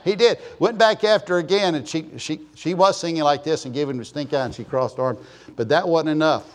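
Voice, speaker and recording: A man in his sixties with a somewhat high voice leads a church gathering. He talks in a loose, folksy sermon style. He wanders through jokes and asides to people in the pews. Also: brisk. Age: 60s. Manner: joking storyteller, chatty asides to the congregation. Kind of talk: folksy, rambling sermon talk.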